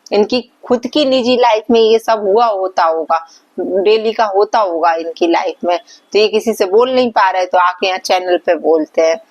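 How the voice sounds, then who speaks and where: A woman vlogger earnestly scolding other reaction channels, in a preachy, lecturing manner. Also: on the high side. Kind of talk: reaction vlog monologue. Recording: dull lo-fi sound.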